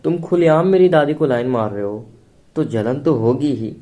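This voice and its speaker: A man's voice: mid-range voice, animated, moderate pace, dark tone, voice pushed up, lightly acted. A man voicing a playful, jealous young woman in a storybook reading.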